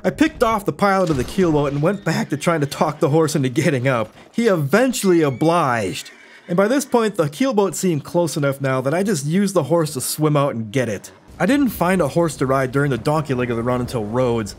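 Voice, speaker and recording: A man's voice: a little high, expressive, fairly quick. A man narrating gameplay from a script as a YouTuber, with wry, self-deprecating storytelling. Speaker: gaming YouTuber.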